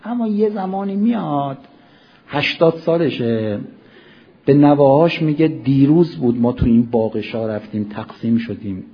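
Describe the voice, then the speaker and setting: A middle-aged man preaching a Ramadan sermon, asking rhetorical questions and swinging between soft and loud. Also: mid-range voice, expressive, slightly rough. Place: mosque hall. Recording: dull lo-fi recording.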